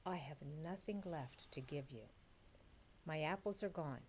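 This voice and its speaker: A selfless old female tree from a storybook, as a woman reader acts her out, speaks in a low, mellow voice. She is weary and giving, with soft, sighing, half-whispered words over faint background noise. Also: measured pace. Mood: sad, apologetic.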